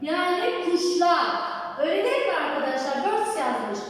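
A woman's voice: very high-pitched, expressive, normal speed. A woman teaching an English grammar lesson, patiently explaining each step and often checking that her students follow. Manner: patient, explains step by step, keeps asking "right, friends?". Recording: echoey room, voice far from mic.

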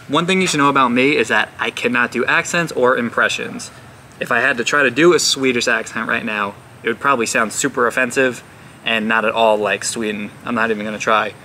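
Outdoors, a young man gives a casual vlog-style food review, chatty and self-deprecating, stumbling over names he doesn't know. His voice is bright, slightly tense, and mid-pitched for a man. Faint outdoor noise can be heard behind him.

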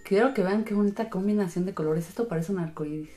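A woman's voice: mid-range voice, quick pace. A woman hosting a casual craft demonstration, narrating in a sing-song, enthusiastic, welcoming way. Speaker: host of a slime channel. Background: music.

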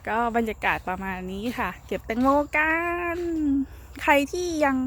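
A woman's voice: a little high, expressive, normal speed, a bit bright. A woman chatting casually while showing how to check watermelons in a field, talking politely and tapping the fruit. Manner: chatty, polite particles, taps and listens to fruit. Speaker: organic farm seller. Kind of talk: casual demonstration.

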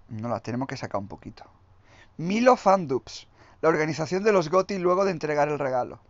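A man's voice: a little high, sing-song, brisk, dry recording, lo-fi sound. A young man with a Spain Spanish accent, ranting as a gaming commentator in a profane, mocking and emphatic way. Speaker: gaming youtuber.

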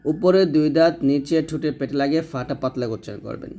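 A man teaching Arabic letter pronunciation, patiently repeating each sound slowly for learners to copy. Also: fairly high pitch, warm tone. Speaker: Quran reading teacher. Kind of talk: step-by-step pronunciation lesson.

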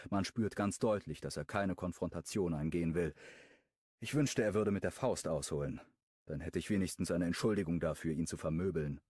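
A man narrating a romance audiobook in first person, telling the story in a lively way. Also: sits low, fairly quick, breathy edge, no echo, clean studio sound. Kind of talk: scripted narration.

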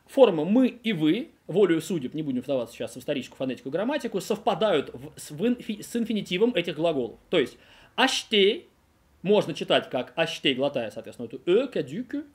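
A man teaching a French grammar lesson on video, talking in an animated, digressive way with many filler sounds and restarts. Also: fairly high pitch, quick pace, hardly any pauses.

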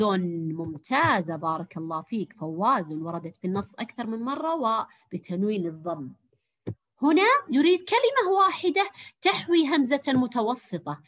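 A woman teaching a lesson to young girls, praising each answer and sounding out words slowly. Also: a little high. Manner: warm praising teacher, drawn-out encouraging words. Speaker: primary school teacher. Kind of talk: online Arabic language lesson for young girls.

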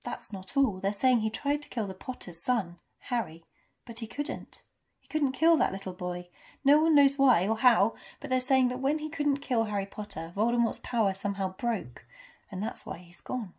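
A woman's voice: medium pitch, normal speed, darkish tone, lightly acted. A woman voicing a stern, proper witch professor from a storybook, clipped, emphatic and easily flustered. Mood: shaken, disbelieving. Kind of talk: storybook character reading.

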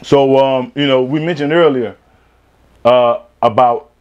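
A man's voice: medium pitch, steady tone, unhurried, clean tone, dull audio. A man from Miami hosting a casual interview, friendly and slangy as he prompts his guest with questions. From Miami, Florida. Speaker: interviewer, host.

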